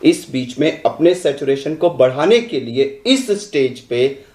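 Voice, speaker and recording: A man demonstrating breathing and walking tests in a calm, instructive way as a doctor. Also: mid-range voice, measured pace, roomy sound, far from the mic. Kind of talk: health demonstration talk. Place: indoor room.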